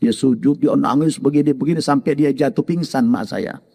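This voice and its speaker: A man's voice: medium pitch, normal speed, slightly rough. Preacher man in a reverberant hall. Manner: animated, voicing his mother and others in quoted dialogue. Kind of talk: sermon storytelling.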